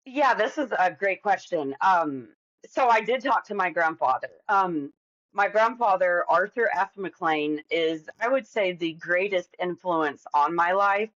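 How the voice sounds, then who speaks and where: A woman's voice: on the low side, lively intonation, unhurried, fairly bright tone, dry recording, lo-fi sound. A woman in her forties, talking candidly and at length as a podcast guest, with lots of fillers and restarts. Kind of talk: casual interview conversation.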